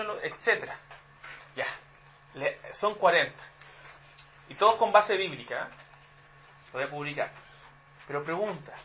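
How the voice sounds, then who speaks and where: A man's voice: high voice, lo-fi sound, a little hiss or hum. A Chilean man preaching a sermon in a conversational teaching manner, asking the congregation rhetorical questions. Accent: Chilean Spanish. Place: church hall.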